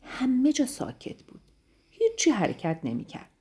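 A woman tells children a bedtime story, gentle and affectionate, in a warm, mellow, slightly rough voice. Her pitch rises and falls in a lively, sing-song way that brings the tale to life.

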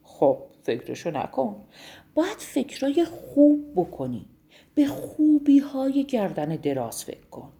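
A woman voicing a kind male rhinoceros who calmly reassures a friend in a children's bedtime story. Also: on the high side, voice pushed up. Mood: encouraging.

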